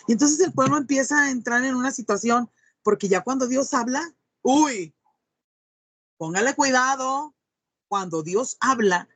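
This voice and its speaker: A woman's voice: mid-range voice, slightly rough, no room sound. A woman preaching a sermon, reading scripture aloud and then expounding it with emphatic rhetorical questions to her listeners.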